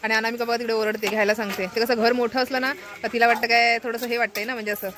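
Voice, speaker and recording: A woman narrates a home vlog from a phone, chatty and direct with her viewers. Her voice sits a touch high. She sounds worn out, with a headache she keeps mentioning. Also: flat delivery, racing, fairly bright tone. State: tired with a headache. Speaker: vlogger. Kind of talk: casual family vlog narration. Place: village home during monsoon rain.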